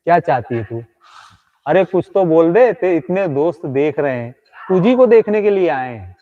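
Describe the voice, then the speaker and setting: A man's voice: fairly high pitch, animated, moderate pace, narrow, tinny audio. A man hosting a comedy live stream outdoors at night, teasing and chatting with a ghost he claims stands in front of him. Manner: teasing, talks directly to an unseen ghost.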